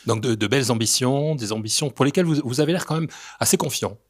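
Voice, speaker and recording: A man's voice: medium pitch, fast talker. Friendly male interview host. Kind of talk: interview hosting.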